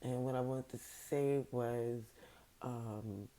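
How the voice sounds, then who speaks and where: Very low-voiced woman tarot reader. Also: steady tone, takes it slowly, rough recording. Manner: chatty, prayerful, addresses viewers warmly by sign. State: early-morning voice. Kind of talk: casual tarot reading.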